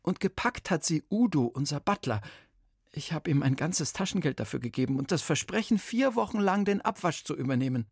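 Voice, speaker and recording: A man's voice: fairly high pitch, expressive, a little fast, vocal fry, a little mellow, slightly rough, no echo, clean studio sound, voice pushed up, full character voice. A man voicing a nervous boy vampire who stammers and repeats his words in a storybook reading. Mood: pleading.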